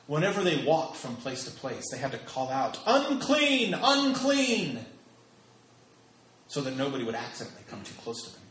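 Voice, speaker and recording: A man's voice: medium pitch, fast talker, hardly any pauses. A man in his thirties preaching a sermon, emphatic and repeating phrases for stress. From United States. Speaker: pastor. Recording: echoey hall with faint ambience.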